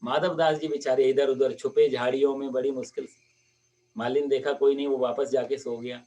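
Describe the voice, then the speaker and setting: A male preacher narrating a devotional story sermon in a lively storytelling manner. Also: mid-range voice, fairly quick, distant mic, muffled recording.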